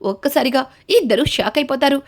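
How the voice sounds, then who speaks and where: A woman with a notably high voice tells a TV serial episode as a story. She moves steadily from one event to the next, tying them together with the same linking words again and again. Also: fairly quick. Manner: steady retelling, links events with repeated connectives.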